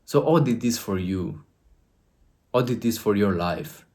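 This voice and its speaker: Speaking to camera in a very deep, low register with a Romanian accent, this man lectures his viewers like a motivational coach, earnest and emphatic. He is animated, a little slow, and slightly mellow.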